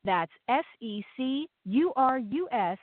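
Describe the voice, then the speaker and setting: A woman's recorded announcement played over a tinny payphone call line, formal and even. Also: fairly high pitch, slow pace, dry recording. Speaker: automated phone announcer. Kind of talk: recorded prompt and ad on a prison phone line. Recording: narrow phone-line sound, dry.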